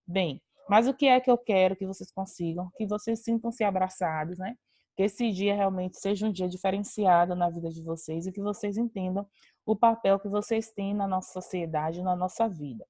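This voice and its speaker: A woman's voice: medium pitch, moderate pace, warm tone, dry recording, clean studio sound. Woman teacher explaining step by step. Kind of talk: online class lecture. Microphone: video call.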